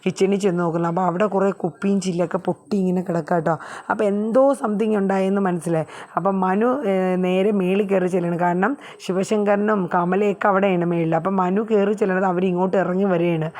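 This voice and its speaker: A woman's voice: mid-range voice, steady tone, fairly quick, darkish tone. A woman casually retelling a TV serial episode, in a chatty way with frequent filler sounds. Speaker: TV serial reviewer.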